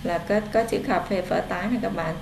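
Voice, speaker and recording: A woman English tutor, teaching vocabulary slowly and drawing out each model word between explanations. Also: on the low side, creaky. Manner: slow, drawn-out model pronunciation alternating with explanation. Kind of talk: online English vocabulary lesson. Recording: echoey room with faint background noise.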